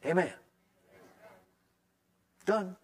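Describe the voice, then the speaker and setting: A man's voice: high-pitched, drawn-out words. A middle-aged male pastor preaching a sermon in a conversational, folksy way, hammering points home with repeated words.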